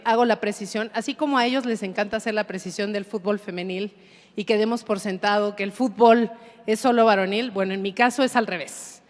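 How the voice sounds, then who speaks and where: A middle-aged woman with a Mexican accent moderating a live panel, enthusiastic and chatty with frequent fillers. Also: medium pitch. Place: large hall on stage. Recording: long reverb of a large hall.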